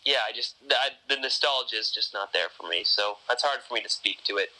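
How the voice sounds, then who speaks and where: A man hosting a podcast in casual chat, thinking out loud and rambling through many restarts. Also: mid-range voice, fairly quick, poor audio. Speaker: podcast host.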